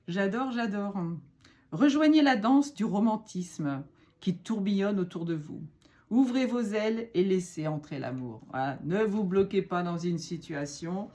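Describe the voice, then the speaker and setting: A woman's voice: lowish voice, mellow. A woman giving a spiritual card reading, chatty and encouraging, with many fillers and restarts. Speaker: card reader.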